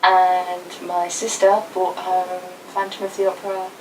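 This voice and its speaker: A woman's voice: lowish voice, monotone, faint music behind. Young woman chatting, far from the mic. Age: young adult. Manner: chatty storytelling, quick asides. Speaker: YouTube co-host. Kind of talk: casual chat. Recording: distant mic with faint noise.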